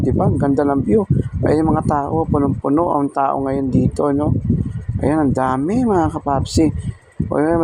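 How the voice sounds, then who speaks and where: A man's voice: on the high side, creaky, background noise. Breathless chatty man vlogging. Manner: excited, chatty, keeps asking "di ba?". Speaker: motovlogger. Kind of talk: casual walking vlog. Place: outdoors, busy hilltop restaurant and museum.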